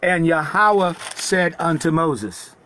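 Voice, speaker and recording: A man reading scripture slowly and haltingly, then retelling it in casual, conversational preaching. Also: a little high, animated, bright, forceful tone, no room sound. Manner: reads slowly with halting repeats, then paraphrases God in casual speech. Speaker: Bible teacher. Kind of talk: scripture reading with sermon commentary.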